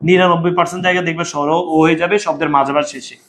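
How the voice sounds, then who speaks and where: A man's voice: a little high, fairly even intonation, racing, fairly bright tone. A man teaching an online exam-prep language class, drilling students with call-and-response repetition and calling them brother. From Bangladesh. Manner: calls listeners "bhaiya". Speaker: Bangla teacher.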